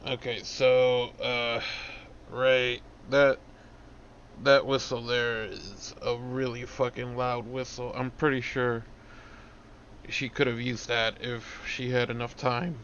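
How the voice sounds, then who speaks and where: Male player, mid-pitched, casual and profane, muffled lo-fi chat audio. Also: little pitch movement, slow pace, fairly bright tone, a little hiss or hum. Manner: casual, swears, hesitant fillers.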